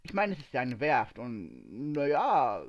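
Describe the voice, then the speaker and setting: A man voicing an excitable, curious young woman who talks eagerly and almost pleads, in a storybook reading. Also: mid-range voice, a little slow, muffled recording.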